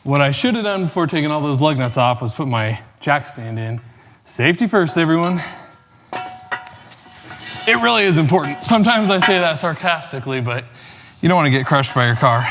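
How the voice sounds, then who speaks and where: A man's voice: mid-range voice, fairly bright tone, long reverb tail, slight background noise. A man casually explaining car work step by step as a DIY vlogger, chatty with dry joking asides. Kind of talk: casual how-to narration. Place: home garage.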